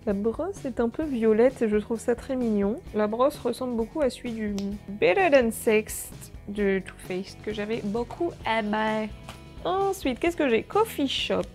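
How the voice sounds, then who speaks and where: A woman's voice: on the high side, vocal fry, darkish tone. A woman vlogger unboxing birthday gifts in a casual, jokey, exclamatory way, cursing now and then. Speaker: beauty vlogger.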